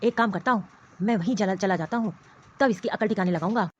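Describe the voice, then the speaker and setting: A woman voicing a harsh, stubborn young husband in an animated cartoon, speaking in an angry, threatening, domineering way. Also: mid-range voice, fast talker, slight background noise, voice pushed down, close to an everyday voice. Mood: furious. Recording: slightly muffled lo-fi recording.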